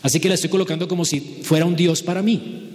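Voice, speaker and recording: A man's voice: a little high, steady tone, fast talker, a little mellow. A man preaching a sermon, asking rhetorical questions and acting out short quotes. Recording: long hall reverb.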